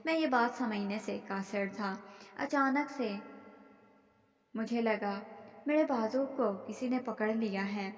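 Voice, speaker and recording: A woman narrating a dramatic first-person story in a steady reading voice, in a dull, echoey recording. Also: fairly high pitch.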